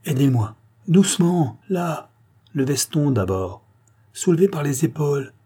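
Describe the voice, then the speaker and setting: A man voicing a calm, authoritative middle-aged doctor who gives brisk orders, in a read-aloud novel. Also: on the high side, husky, voice pushed up, exaggerated voice. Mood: commanding. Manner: brisk, commanding.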